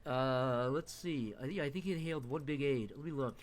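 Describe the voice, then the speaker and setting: A man co-hosting a casual podcast, trading crude, dark jokes in a deadpan way. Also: mid-range voice, brisk. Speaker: podcast co-host.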